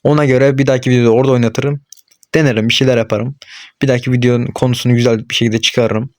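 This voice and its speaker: Excitable young man commentating his own game. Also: mid-range voice, rapid-fire. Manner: excitable, talks to himself and the players on screen, swings into frustrated outbursts. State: frustrated and worked up. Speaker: gaming channel host. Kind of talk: live gameplay commentary.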